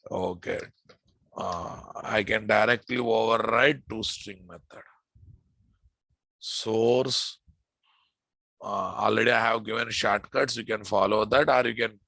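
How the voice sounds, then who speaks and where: A man with a Telugu-flavoured Indian accent leads a live coding lesson. His voice is forceful and creaky, recorded close and dry. He repeats phrases and keeps putting check-in questions to his students. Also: fairly low pitch, no echo. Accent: Indian, Telugu-influenced. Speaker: programming instructor.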